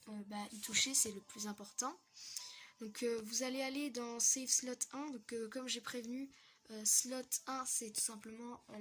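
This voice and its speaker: A young woman from France walking viewers through a game hack in a casual, hesitant tutorial full of fillers. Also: fairly high pitch. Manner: chatty, hesitant with many fillers. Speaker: gaming tutorial youtuber. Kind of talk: casual screen-recorded tutorial.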